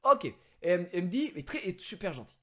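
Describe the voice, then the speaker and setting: A talkative man telling an anecdote on stream. His pitch sits fairly high and leaps up and down all over the place. He rambles with fillers and crude jokes, then bursts into mock outrage. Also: very animated, fast. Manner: bursts into mock-indignant shouting. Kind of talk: casual storytelling vlog.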